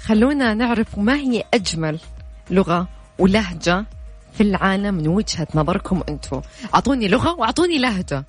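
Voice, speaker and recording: A woman from Najd with a Najdi accent co-hosts a radio chat, giving her opinions frankly and insistently. She speaks quickly at a mid pitch, with faint music in the background. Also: very animated, slightly rough. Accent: Saudi Najdi. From Najd, Saudi Arabia. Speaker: radio co-host.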